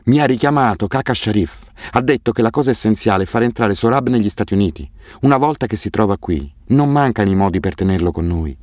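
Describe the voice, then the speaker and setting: A man reading an audiobook, voicing an excited young wife on the phone in a raised voice. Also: lowish voice, quick pace, few pauses, no echo, studio quality, voice pushed up, close to an everyday voice.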